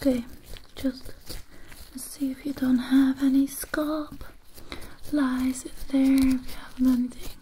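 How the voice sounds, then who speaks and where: A young woman in an ASMR role-play, playing a brisk, reassuring medic with soft, breathy, repetitive murmured patter. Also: sits high, little pitch movement. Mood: soothing, businesslike. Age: young adult. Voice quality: soft, breathy, often soft-spoken. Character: brisk, reassuring female medic doing procedures on a patient. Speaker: ASMR performer. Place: small indoor room. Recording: noisy close recording with clicking.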